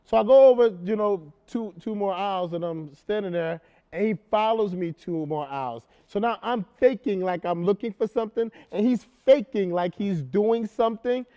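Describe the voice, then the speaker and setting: A stage actor performing an indignant man with a high, bright voice, telling his story in a theatrical monologue. He is animated and emphatic and repeats himself for effect. He can also become a brash, sarcastic talk show host. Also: moderate pace, muffled recording, lightly acted. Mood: indignant storytelling. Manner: animated, emphatic retelling with repetitions.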